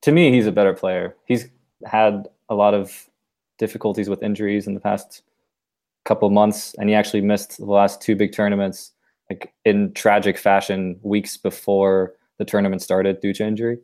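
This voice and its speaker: Man, German accent, low pitch, monotone, podcast co-host, thoughtful explainer. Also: normal speed. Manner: thoughtful, explains at length with restarts. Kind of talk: casual sports discussion.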